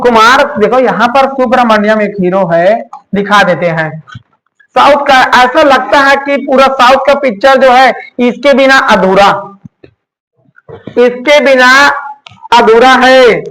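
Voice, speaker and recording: A man teaching a class, loudly quizzing students and having them repeat answers back to him. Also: very high-pitched, low-quality recording. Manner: loud, call-and-response questioning. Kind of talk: classroom lecture with memory tricks.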